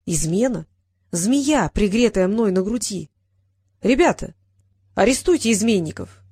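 A woman reading an audiobook, voicing a soft-spoken, gently cunning sultan in a mild, kindly manner. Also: mid-range voice, lively intonation, unhurried, slightly rough, dry recording, clean studio sound. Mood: gently commanding.

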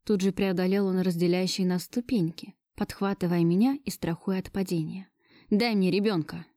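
A woman's voice: fairly low pitch, fairly even intonation, normal speed, mellow, dry recording, studio quality. A woman narrating a romance novel in the first person, with dramatic, emotional storytelling. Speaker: audiobook narrator.

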